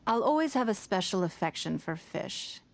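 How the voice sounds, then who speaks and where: A woman voicing a self-made young businesswoman in a video game, calm and earnest, who is fond of fish and picky about food. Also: mid-range voice, normal speed, gravelly, soft background music. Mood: reflective. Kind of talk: game character dialogue.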